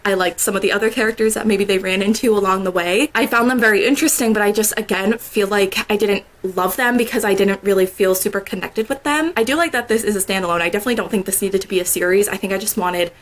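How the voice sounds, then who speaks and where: A young book vlogger talks fast with few pauses in a mid-range voice, casually reviewing a book she finished. She's chatty, saying "like" and "I don't know" a lot and laughing often, and sounds a little congested after a sore throat.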